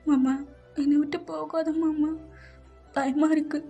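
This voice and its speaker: A woman's voice: sits high, little pitch movement, unhurried, mellow, faint music behind. A woman voicing a clingy young pregnant wife in a fan fiction audio story, pleading and childlike, sometimes stubborn. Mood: scared.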